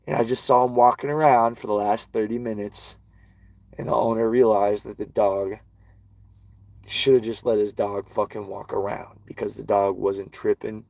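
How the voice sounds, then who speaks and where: A man's voice: on the low side, fairly even intonation, moderate pace, creaky, darkish tone, no room sound. A man ranting and swearing constantly while walking outdoors in a park, vlogging. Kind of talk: profane outdoor rant.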